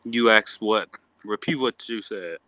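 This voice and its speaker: Blunt, defensive man with a bright voice. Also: lowish voice, unhurried, dry recording, muffled recording. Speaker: livestream guest. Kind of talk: casual crude chat.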